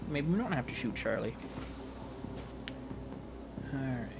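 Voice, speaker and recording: A man's voice: medium pitch, lively intonation, measured pace, creaky, noisy background. A man giving casual, foul-mouthed and sarcastic let's play commentary as host. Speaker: gaming video host. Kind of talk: casual let's play commentary, reading game text aloud. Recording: game music behind the voice. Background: video game music.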